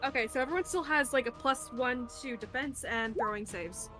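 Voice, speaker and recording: A woman's voice: high-pitched, moderate pace, bright, forceful tone, soft background music. A woman player chatting wryly during a tabletop game. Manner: chatty, wry.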